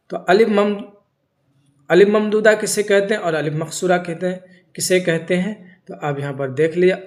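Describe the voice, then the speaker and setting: A man with a slightly higher voice explains grammar rules in a patient, repetitive classroom manner. He asks questions and answers them himself, stretching words as he spells out examples. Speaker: teacher. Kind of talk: grammar lesson.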